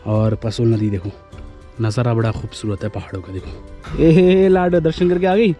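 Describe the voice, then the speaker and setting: A man's voice: mid-range voice, normal speed. Young male vlogger, casual and easygoing guide voice, music underneath. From Uttarakhand, India. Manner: relaxed, chatty guide talk. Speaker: travel vlogger. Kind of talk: casual vlog narration.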